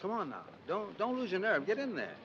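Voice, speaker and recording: A man plays a breezy entertainer. He talks fast and easily, his pitch lively, and the sound is a dull, hissy old film soundtrack. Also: lightly acted. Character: breezy American song-and-dance man.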